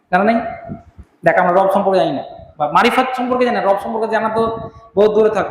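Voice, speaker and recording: A man's voice: very high-pitched, slight background noise. A man teaching a religious lesson to a class, asking questions and calling on students directly. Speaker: Islamic teacher. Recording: echoey hall with long reverb.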